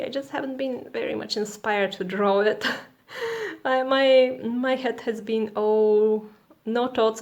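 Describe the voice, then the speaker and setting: A woman casually narrating over a flip through her sketchbook, rambling and giggly with lots of fillers and restarts, enthusiastic about her characters. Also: medium pitch. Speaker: artist showing her sketchbook.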